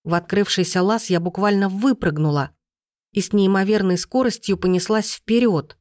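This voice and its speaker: A woman's voice: mid-range voice, normal speed, darkish tone, no room sound, studio quality. A woman narrating a first-person fantasy audiobook in an urgent, emotional way.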